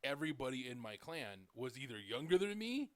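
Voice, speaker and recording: In a mid-range, sing-song voice, a podcast host in his late thirties chats casually at a fairly quick clip. His storytelling wanders, full of "like" and "dude," and the recording has no room sound.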